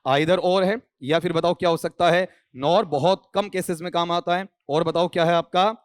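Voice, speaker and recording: A man's voice: high voice, fairly even intonation, moderate pace, clear, resonant tone, no room sound, studio quality. A man teaching English grammar for exams, speaking mixed with English terms and quizzing students with questions. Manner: mixes Hindi with English terms. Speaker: English teacher for exam prep. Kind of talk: online exam coaching lecture.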